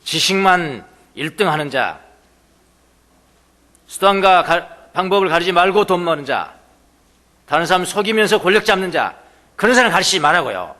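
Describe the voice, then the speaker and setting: A man's voice: high voice, big pitch swings, moderate pace, pauses often, pushed and bright, in a large hall. A man preaching a sermon as pastor, emphatic, repeating key words and putting questions to the congregation. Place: church sanctuary.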